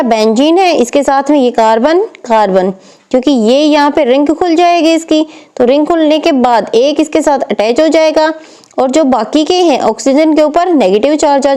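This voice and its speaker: Woman chemistry tutor, high mellow voice, patient step-by-step explaining. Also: smooth. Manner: explains step by step, asks and answers own questions. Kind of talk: exam paper walkthrough lesson.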